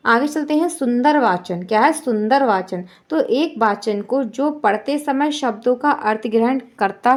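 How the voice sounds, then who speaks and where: A woman teacher giving an online exam-prep lesson, who repeats each point as a question and keeps checking in with "ठीक है". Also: on the high side. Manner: frequent checking "ठीक है" fillers.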